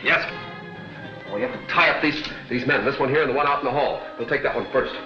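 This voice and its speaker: An actor playing a masked crime-fighting publisher who gives brisk, clipped orders, in a 1940s film serial. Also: male voice, medium pitch, lightly acted. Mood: commanding. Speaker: masked hero. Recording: dull 1940s film soundtrack, roomy, music behind.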